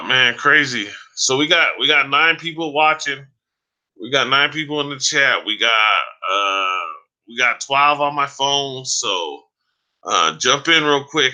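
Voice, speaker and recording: A man hosting a casual live stream talks directly to viewers, calling them by name, rambling loosely, using plenty of fillers and often ending lines with "man." His mid-range voice is very bright and tense, and it is going hoarse after a long stretch on air.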